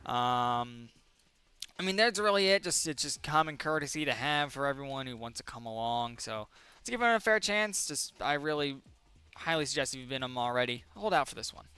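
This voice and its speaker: Bright, forceful male livestream co-host. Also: medium pitch, expressive, brisk, clear, resonant tone, dry recording. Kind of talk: casual gaming livestream chat.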